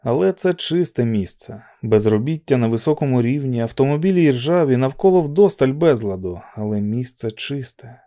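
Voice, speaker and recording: A man narrating a novel as an audiobook, in steady, even storytelling. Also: mid-range voice, moderate pace, few pauses.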